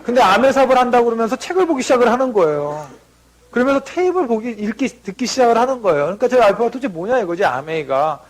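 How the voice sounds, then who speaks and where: A man's voice: very high-pitched, very animated, rapid-fire. A man giving a motivational seminar talk before an audience, telling family stories and acting out what relatives said. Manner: anecdotal, acts out family members' lines in quotes.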